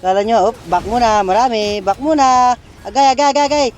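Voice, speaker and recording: A man streaming a mobile game, giving excitable play-by-play commentary, laughing often and taunting his opponents. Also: extremely high pitch, brisk, a little hiss or hum. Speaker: gaming streamer. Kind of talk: live gameplay commentary.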